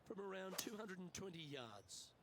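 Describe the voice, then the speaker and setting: Measured male golf play-by-play announcer. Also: sits high, very animated, noisy background. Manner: measured, announcer-style delivery. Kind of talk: scripted sports commentary.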